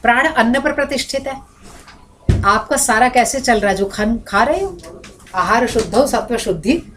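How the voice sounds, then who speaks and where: A woman with a fairly high voice gives a classroom lecture, explaining ideas and acting out little spoken examples to make her point. A faint hum of room noise sits under her voice. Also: expressive, moderate pace, a bit bright. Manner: explanatory, switches into demonstrative examples and recitation. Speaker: Sanskrit teacher.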